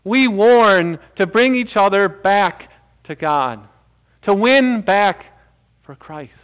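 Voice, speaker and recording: A middle-aged male pastor preaching a sermon in a church, earnest, with dramatic pauses and soft drops. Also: high-pitched, lively intonation. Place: church sanctuary before a seated congregation. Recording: tinny phone-like audio.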